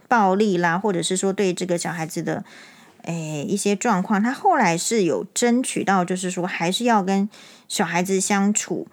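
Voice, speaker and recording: A middle-aged woman eye doctor, telling stories on her podcast in a casual, animated, indignant way. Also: medium pitch. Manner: animated, indignant, emphatic when retelling. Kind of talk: casual storytelling monologue.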